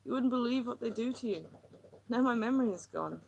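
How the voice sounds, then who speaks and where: A frantic, wounded housewife pours out her grievances in a high, climbing voice, as a woman reading the story puts her on. She rambles and pleads, pushing harder than the calm narration around her. A troubled figure from an audiobook. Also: a little fast, vocal fry, dull audio, a little hiss or hum. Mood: anguished.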